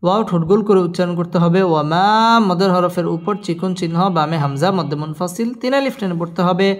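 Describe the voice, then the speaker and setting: A man teaching Quran recitation, chanting each verse slowly and then explaining the pronunciation rules in quick, even speech. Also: high-pitched. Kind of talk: slow Quran recitation lesson with spelled-out tajweed rules. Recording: echoey hall with faint music.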